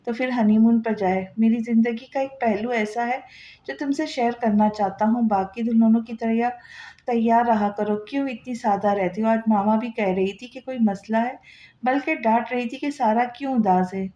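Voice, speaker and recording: A woman's voice: a little high, moderate pace, warm tone, close to an everyday voice. A woman voicing an earnest, loving young husband in a romance audiobook, speaking tenderly and soothingly. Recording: roomy, dull lo-fi recording.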